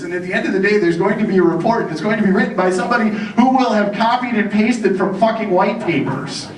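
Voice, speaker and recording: A man giving a sarcastic, profane conference talk, mocking his targets and bantering with the audience. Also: high voice. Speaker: conference speaker. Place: conference hall. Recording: echoey hall, distant mic, noisy.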